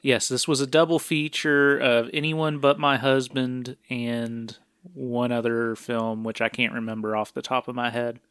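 Podcast host, man, mid pitch, slow hesitant delivery, dry room. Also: flat delivery, fairly bright tone, clear, resonant tone, no echo. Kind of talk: casual chat.

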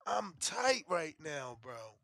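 A man's voice: a little high, very animated, takes it slowly, vocal fry, a bit bright, no echo, clean studio sound. A man chatting casually on a livestream as host, with brash frat-bro slang, heavy swearing and an indignant, complaining manner. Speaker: livestream betting show host.

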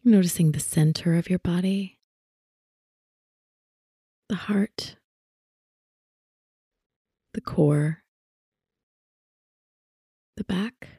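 Woman, sleep story narrator, lowish pitch, deeply mellow tone, soothing, breathy near-whisper, long pauses, guided relaxation delivery. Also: no room sound, clean studio sound. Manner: soothing, unhurried phrasing with long pauses, drifting toward a whisper.

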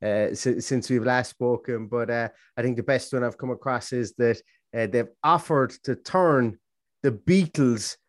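A man's voice: medium pitch, no room sound, clean studio sound. A man with an Irish accent casually hosting a live football fan show, chatty and rambling.

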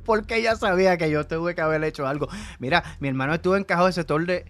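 A podcast co-host telling childhood stories in casual chat, animated and laughing often. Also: female voice, on the low side, quick pace.

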